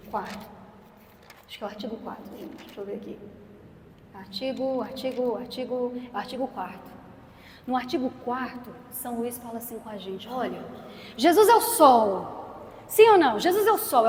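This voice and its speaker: A woman's voice: high-pitched, a little mellow. A young Brazilian woman teaching a parish consecration class, playful and questioning her audience. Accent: Brazilian Portuguese. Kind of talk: lively parish teaching talk. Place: church hall. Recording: echoey hall with long reverb.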